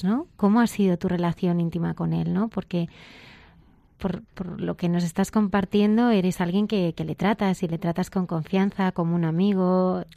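Female interviewer, lower voice, hesitant phrasing, dry close recording. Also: creaky, dark tone, dry recording. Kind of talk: interview questions.

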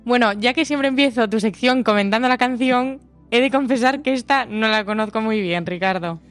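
A woman's voice: a little high, normal speed, faint music behind. A woman co-hosting a casual radio chat. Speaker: radio co-host.

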